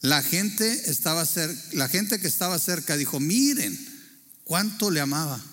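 A man's voice: a little high, expressive, a little slow, a bit bright. A man with a Mexican accent preaching a sermon, earnestly asking the congregation questions. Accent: Mexican Spanish. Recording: preaching in a reverberant hall.

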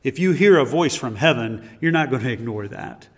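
A man's voice: medium pitch, animated, normal speed, big-room sound. A man preaching a sermon as pastor, earnest, often restarting his words. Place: church sanctuary.

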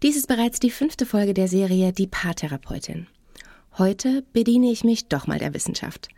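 A woman narrates her podcast calmly from a script, speaking to the listener as "you". Her voice is warm and mellow, recorded on a close mic in a dry, dead room. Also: mid-range voice, moderate pace, gravelly, dry recording. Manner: calm, speaks directly to the listener. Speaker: podcast host and couples therapist.

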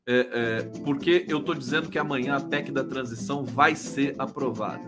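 A man's voice: medium pitch, normal speed, over loud music. A man hosting a live stream, chatting casually about politics, rambling and tagging his sentences with questions to viewers. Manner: chatty, rambling, constant "né?" tags, reads out viewer comments.

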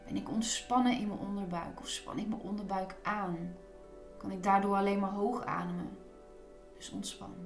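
A woman guiding a body relaxation meditation, giving soothing, instructive cues with gentle repetition. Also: medium pitch, steady tone, moderate pace, reverberant, faint music behind.

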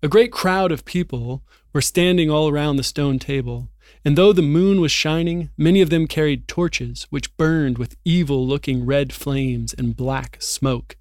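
Expressive man reading aloud. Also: on the high side, measured pace, no room sound, clean studio sound. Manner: earnest, expressive reader. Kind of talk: reading a storybook aloud and Bible discussion.

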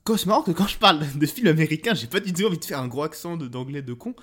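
Playful man with a high voice. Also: lively intonation, very fast, fairly bright tone. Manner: playful, self-mocking, many filler "euh"s. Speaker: podcast host reviewing films. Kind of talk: casual comic monologue.

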